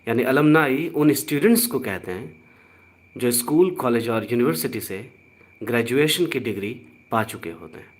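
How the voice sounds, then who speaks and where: A man's voice: medium pitch, expressive. A man with an Indian accent teaching a live online pronunciation lesson, spelling out letters and repeating each word with care. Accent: Indian English. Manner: slow, deliberate, spells out letters and repeats words. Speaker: English teacher.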